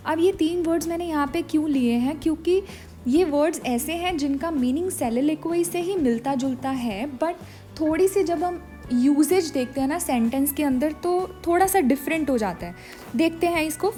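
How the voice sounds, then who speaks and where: A woman's voice: high-pitched, normal speed, warm tone, faint music behind. A woman teaching an exam vocabulary lesson. She explains step by step, spells words out letter by letter and asks and answers her own questions.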